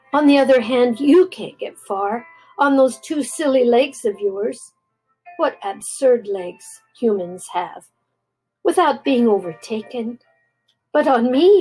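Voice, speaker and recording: An older woman voicing a proud, blunt male talking war horse who lectures a boy, reading a storybook aloud in a husky, high voice. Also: rough recording. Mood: bossy. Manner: scornful, bossy, then gently coaxing.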